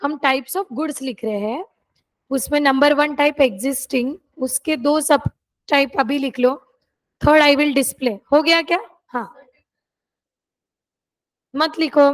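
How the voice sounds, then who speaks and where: A woman's voice: high-pitched, slow, long pauses. A woman law teacher, dictating notes in a classroom and checking that students have written them down.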